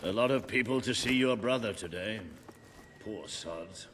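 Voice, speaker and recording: Booming old British soldier. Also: male voice, unhurried, a bit bright, slight background noise. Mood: grave. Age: older. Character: gruff, hearty old soldier and royal combat mentor. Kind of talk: video game voice acting. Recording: background music.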